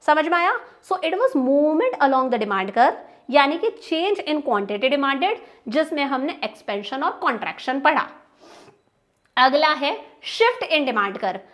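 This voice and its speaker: High-voiced Indian woman teaching economics. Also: sing-song. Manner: explains step by step, checks understanding with repeated questions; slows down and stresses English key terms. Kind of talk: exam-prep lecture.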